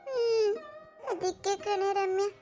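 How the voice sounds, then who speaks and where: A sad, squeaky little girl. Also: steady tone, slow, music in the background. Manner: soft, plaintive, tearful. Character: sad little schoolgirl with troubled home. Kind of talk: cartoon voice acting.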